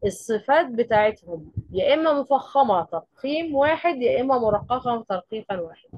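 Egyptian woman teaching tajweed, husky. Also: medium pitch, dry recording, highs cut off. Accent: Egyptian Arabic. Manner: explains step by step with rhetorical questions. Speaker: Quran recitation teacher. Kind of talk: tajweed lesson.

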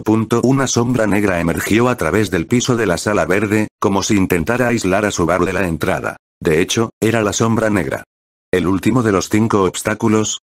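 Man, audiobook narrator, steady reading, very low voice, dry sound. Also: dry recording.

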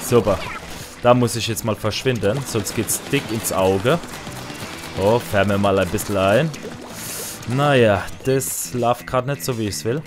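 A man with a fairly low voice narrates his own gameplay in a loose, casual way. He grumbles about his weapons, then jumps into loud, high outbursts at kills and deaths. Faint game music plays behind him. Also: measured pace. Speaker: gaming let's player.

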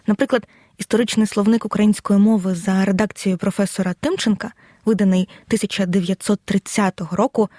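A woman teacher giving a scripted audio lesson, explaining in a measured way and reading examples out one by one. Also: medium pitch, a little mellow, no echo, clean studio sound. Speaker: Ukrainian language teacher.

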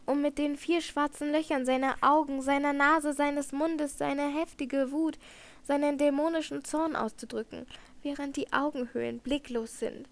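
A woman reading a first-person audiobook narration in a measured, dramatic manner. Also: high-pitched, steady tone. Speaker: audiobook reader.

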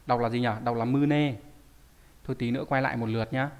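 A man's voice: medium pitch, fairly even intonation, fast, clean tone. Male language teacher quizzing his class. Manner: quizzing students with frequent rhetorical questions. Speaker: Japanese teacher. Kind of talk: live online lesson, reading out student answers. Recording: long hall reverb.

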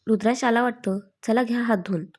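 A woman reading a story aloud, voicing a brisk, affectionate middle-aged mother. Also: fairly high pitch, steady tone, darkish tone, natural voice.

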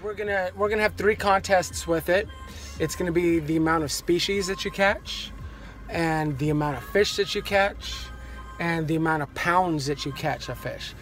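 A man's voice: a little high, moderate pace, faint music behind. A man in his forties, a father, casually narrating a fishing vlog into a phone held at arm's length, in a car and on a river dock, rambling with lots of ums. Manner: relaxed, rambling with many ums. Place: inside a parked car, then outdoors on a river dock. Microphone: phone camera at arm's length.

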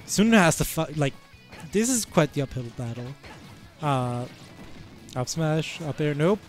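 Expressive and measured, an Icelandic esports commentator with a fairly high voice gives rambling, casual commentary on a fighting game match via headset, laughing often in a playful, giggly manner. Faint music can be heard behind him.

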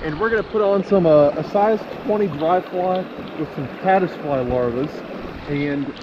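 A young fishing vlogger with a slightly high, slightly raised voice narrates his catch beside a mountain creek at a moderate pace, chatty, enthusiastic, and full of filler words. He's recorded on a body-worn action camera, so the audio is muffled, with faint outdoor noise and running water behind him.

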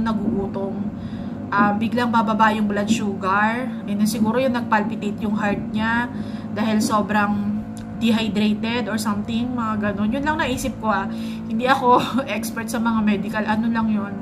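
A young Filipina mom, pregnant, telling a story straight to camera in a loose, chatty way that slips between two languages. Her voice sits a little high for a woman, and a faint hiss runs under the recording. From Philippines. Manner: chatty, mixes Tagalog and English, retells her own quoted words. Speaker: vlogger, stay-at-home mom. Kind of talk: casual storytelling vlog.

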